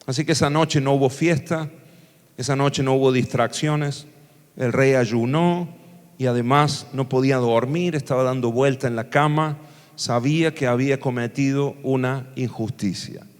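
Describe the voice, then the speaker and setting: A pastor with an Argentine accent from Córdoba, preaching a sermon in a church sanctuary and calling the congregation to answer amen. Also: male voice, medium pitch. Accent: Argentine Spanish, Córdoba. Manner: calls for amens from the congregation, reads scripture slowly. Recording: long church hall reverb.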